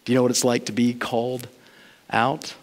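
A man's voice: medium pitch, monotone, moderate pace. A man preaching a sermon in a church, telling personal stories in an earnest, conversational way. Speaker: pastor. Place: church sanctuary. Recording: long reverb of a large hall.

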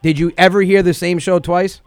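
A man hosting a comedy radio show, chatting with a caller and telling stories with quick, acted-out quotes. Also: sits high, clear, resonant tone, no room sound. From United States. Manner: fast, animated storytelling with acted-out quotes. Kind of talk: casual radio chat with a caller.

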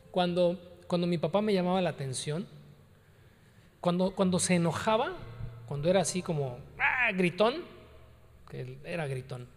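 A man's voice: high-pitched, a little mellow, big-room sound. A man preaching a conversational sermon, telling personal stories and repeating phrases for emphasis. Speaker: pastor.

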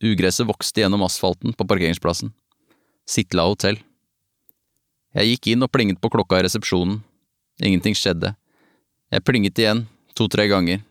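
A man narrating a novel in the first person, calm and even, as an audiobook. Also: lowish voice, long pauses, no echo, clean studio sound.

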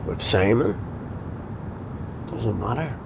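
Crime boss, slow delivery, domineering, impatient, foul-mouthed, naturalistic drama, noisy vehicle background. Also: male voice, lively intonation, vocal fry, heavily acted. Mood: cold, threatening. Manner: domineering, swearing, clipped commands. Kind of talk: naturalistic screen drama acting. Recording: noisy, rumbling car interior ambience.

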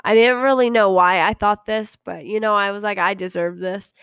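A woman's voice: mid-range voice, a little fast, a bit bright, clear, resonant tone, dry recording, clean studio sound. A young woman hosting a podcast, telling her own story in a rambling, hesitant, confiding way with frequent ums. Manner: earnest and confiding. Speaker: podcast host. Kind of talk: casual personal storytelling.

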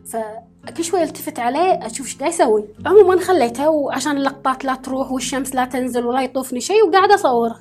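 High, rapid Gulf Arabic woman host. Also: animated, darkish tone, soft background music. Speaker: podcast host. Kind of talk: casual podcast interview.

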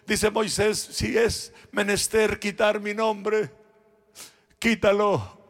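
High, gravelly, fiery preacher man. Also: level tone, takes it slowly. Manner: swings between shouted exhortation and quiet, intimate asides; addresses the congregation directly and personally. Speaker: pastor. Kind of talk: sermon. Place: church sanctuary.

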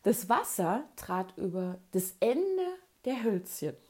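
A woman reading her childhood memoir aloud, dramatic, dropping to whispers and rising to shouts. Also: mid-range voice, big pitch swings, slow. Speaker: storyteller.

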